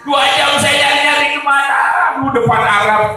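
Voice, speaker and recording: A man's voice: very high-pitched, steady tone, moderate pace, bright, forceful tone, soft background music, a faint crowd. A man giving a humorous sermon, telling stories and praying aloud dramatically to the audience. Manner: storytelling, addresses the audience often, prays aloud dramatically. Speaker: comedic preacher. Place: live event before an audience. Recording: very echoey, distant live venue.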